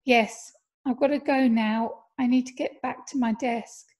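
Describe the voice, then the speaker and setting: A woman voicing a hurt, guarded young office worker in an audiobook, protesting quietly. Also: fairly high pitch, steady tone, measured pace.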